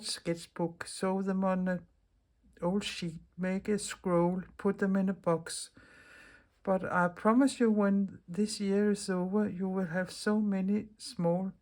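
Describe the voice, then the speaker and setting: A middle-aged Danish woman hosts a chatty craft tutorial in English, her second language, with a Danish accent and frequent restarts. Her voice is medium-pitched and dark in tone, steady and slow.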